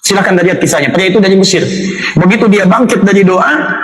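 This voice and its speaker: A man preaching a sermon to a live audience, telling stories in an animated way. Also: high-pitched, fast talker. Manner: animated storytelling, voices the people in his stories. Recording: roomy hall with an audience.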